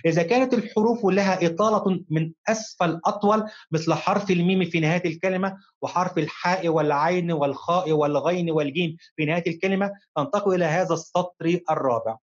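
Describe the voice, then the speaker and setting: Fast-talking man teaching a lesson, lo-fi. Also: high voice. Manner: slow, careful dictation-style reading of examples; addresses pupils fondly and encouragingly. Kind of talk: recorded online lesson. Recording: dull, lo-fi recording.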